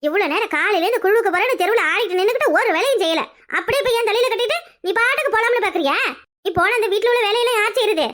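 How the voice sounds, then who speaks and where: A very high, bright, quick voice for a scolding old mother-in-law in a village cartoon, done by a woman. She nags and complains dramatically in Kanyakumari Tamil, sharp-tongued and bossy. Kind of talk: cartoon voice acting.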